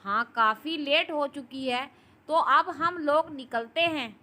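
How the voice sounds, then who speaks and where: A woman's voice: high-pitched, slow pace, bright, forceful tone, full character voice. A woman voicing Karan, a friendly and polite young male student.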